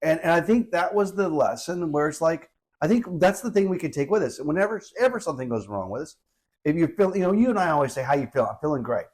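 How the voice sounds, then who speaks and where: A man co-hosting a casual podcast, telling stories in an animated way and acting out quoted lines. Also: fairly high pitch, fast. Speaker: podcast co-host.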